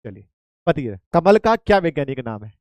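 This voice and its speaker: A man teaching a live online exam-prep lesson speaks a little fast in a slightly high voice, close and dry with no echo. Lively and repetitive, he drills each fact and quizzes his students again and again, mixing English terms into his Hindi.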